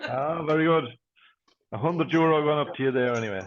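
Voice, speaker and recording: A man with an Irish accent working as a bingo caller, calling numbers in measured, set phrases for an online game. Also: a little high, crowd noise. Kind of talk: bingo calling with paired numbers and traditional nicknames. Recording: muffled phone-like online stream audio.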